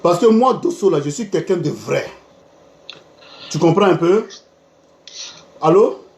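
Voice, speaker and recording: A man's voice: sits high, lively intonation, measured pace, creaky, darkish tone, a little hiss or hum. A man hosting a live stream, talking in a heated, insistent way. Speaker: live video host. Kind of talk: live social media stream. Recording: echoey room.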